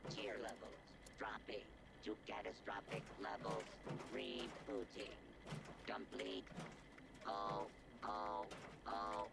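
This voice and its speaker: An actor voicing a glitchy male holiday greeter robot in a game, with a gravelly robotic voice that stalls, reports an error and reboots in stilted announcements. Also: lowish voice, big pitch swings, takes it slowly, full character voice. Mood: glitching. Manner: stilted announcement-style speech. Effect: robotic voice rebooting with error messages. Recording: loud background noise from a game.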